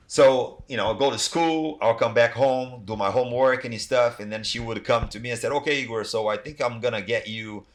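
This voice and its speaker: A man from Brazil with a Brazilian accent chats loosely as a podcast guest. His voice sits low, and he wanders through his points with constant "you know" and "like". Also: a bit bright. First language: Portuguese. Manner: rambling, many "you know, like" fillers. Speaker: guest, athletic trainer. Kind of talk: casual podcast interview.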